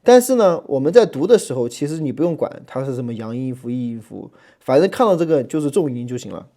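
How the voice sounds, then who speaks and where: A man gives a relaxed Greek lesson in a warm, darker voice at a middling pitch. He talks in a chatty way, full of little fillers, and drags out letters and syllables when he spells them for his students. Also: fast talker. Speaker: Greek language teacher. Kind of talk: relaxed classroom lecture.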